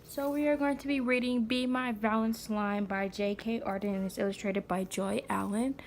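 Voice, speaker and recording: A woman with a fairly high but darkish voice reads a picture book to a small child at a moderate pace and fairly even intonation. She's a mother and vlog host, sitting on the floor indoors, reading casually with chatty asides. A little background noise can be heard.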